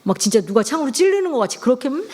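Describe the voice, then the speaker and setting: A woman's voice: high voice, sing-song, racing, darkish tone, slightly rough. A middle-aged woman preaching a sermon in a conversational, storytelling way. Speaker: pastor's wife preaching.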